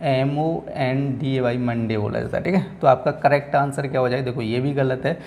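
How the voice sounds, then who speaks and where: A man's voice: mid-range voice, fairly even intonation, brisk, a little mellow. A male teacher giving a classroom lecture who keeps asking his own questions and answering them, speaking English words.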